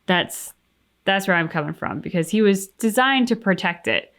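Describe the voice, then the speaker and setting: Co-hosting a game reaction channel, a woman chats casually at normal speed in an animated, slightly bright mid-range voice. She muses over her opinions as she goes, peppering her talk with likes and you-knows.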